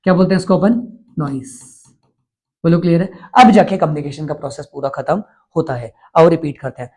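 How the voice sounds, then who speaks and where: A man's voice: a little high, a little fast, a little mellow, breathy edge. A male teacher from India giving an exam-prep lecture, constantly quizzing his students and repeating the answers.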